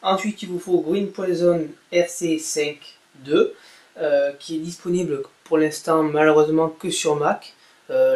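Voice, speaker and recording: Saying "voilà" at the end of every step, a man with a slightly high, darkish-toned voice walks viewers through a casual tech tutorial as a tech blogger. He frequently hesitates and fills gaps with fillers.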